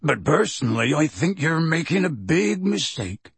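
A man's voice: fairly high pitch, very animated, normal speed, slightly rough, no echo, voice pushed up, exaggerated voice. A man voicing a blunt, stubborn half-giant gamekeeper who talks testily and defiantly. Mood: testy. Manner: testy, defiant, outspoken.

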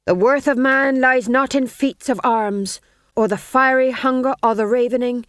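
A woman voicing a pompous male actor who declaims a speech slowly and theatrically. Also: high voice, fairly even intonation, fairly bright tone, no echo, clean studio sound, voice pushed up. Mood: grandiose. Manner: grandiose, theatrical, slow declaiming.

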